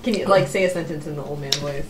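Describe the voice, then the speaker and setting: A woman playing a tabletop game, chatting eagerly with quick questions and giggles. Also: low-pitched. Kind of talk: casual game chat. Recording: echoey room, away from the mic, audible noise.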